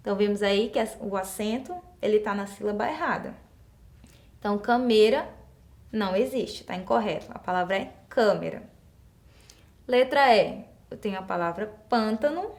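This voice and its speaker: A Brazilian woman teacher with a Brazilian Portuguese accent walks through exercises at a patient, even pace, breaking each one into small steps. She often poses a question to the class and answers it herself. Her voice sits at a middle pitch. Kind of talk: classroom lesson explaining exercises.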